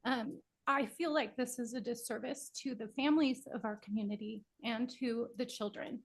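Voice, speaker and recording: A woman in her thirties, a working mother, giving a nervous, emotional public comment at a county board meeting, halting with many ums. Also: a little high, gravelly, husky, rough recording.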